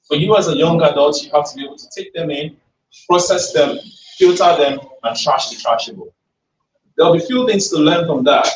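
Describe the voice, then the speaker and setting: A man speaks at a tech event with an emphatic, rallying delivery, pulling listeners in with call-and-response questions. His voice sits a touch high and reaches the mic from a distance. It rings around a roomy hall, with faint ambient noise beneath it. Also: a bit bright. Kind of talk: motivational talk.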